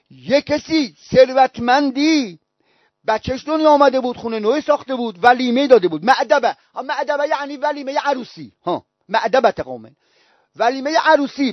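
A man's voice: very high-pitched, no room sound. A male preacher delivering a sermon, telling stories with emphatic repetition. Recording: dull, dry recording.

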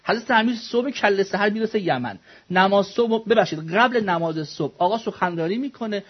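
Man, high-pitched, classroom lecture, questions students, muffled lo-fi recording. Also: expressive, husky. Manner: explains word by word, asks students questions, jokes. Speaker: religious studies teacher. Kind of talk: classroom lecture explaining texts.

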